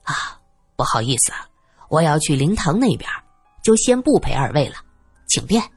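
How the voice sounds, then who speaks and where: A woman's voice: low-pitched, big pitch swings, normal speed, husky, soft background music, pitched below the performer's own voice, full character voice. A woman voicing a courteous male household steward who speaks politely and in a businesslike way.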